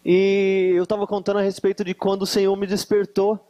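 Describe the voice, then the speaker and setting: A man from Varginha, Brazil, with a high-pitched voice and a Minas Gerais accent, preaches as a guest at a church conference, talking fairly quickly. Relaxed and joking, he teases his live audience in the conference hall throughout the sermon.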